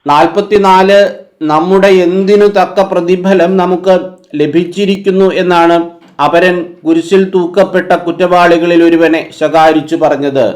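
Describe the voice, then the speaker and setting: A man with a notably high-pitched voice reads a quiz aloud. He announces a number, asks the question, and then drops lower and calmer to give the answer. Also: a little slow. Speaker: quiz reader.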